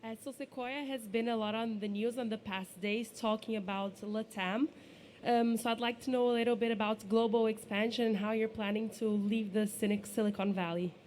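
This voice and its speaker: Female audience member, front row, slightly higher voice, hesitant ums, faint room noise. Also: fairly even intonation, normal speed, darkish tone. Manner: hesitant, with fillers. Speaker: audience member asking a question.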